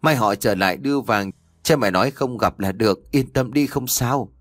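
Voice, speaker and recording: Man doing a scared old mom, whiny and teary, voice pushed a bit higher, dry sound. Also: moderate pace, dry recording, close to an everyday voice. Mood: soothing. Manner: anxious, wailing. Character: frightened old mother, tearful.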